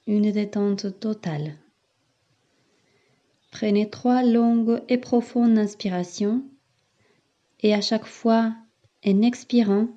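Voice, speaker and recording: A woman yoga teacher guides a meditation with soothing, measured instructions and long pauses. Her voice is mid-range and mellow, and the recording is slightly muffled.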